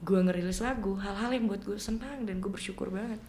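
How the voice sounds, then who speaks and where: A woman's voice: medium pitch, a little fast, a little mellow, slight background noise. Earnest young woman singer telling her story. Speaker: guest singer. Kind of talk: casual interview chat.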